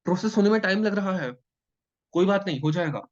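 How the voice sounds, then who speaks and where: A man teaching an exam-prep class in a lively, joking way, often checking in with his students. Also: sits high, fairly quick. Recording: dull lo-fi sound.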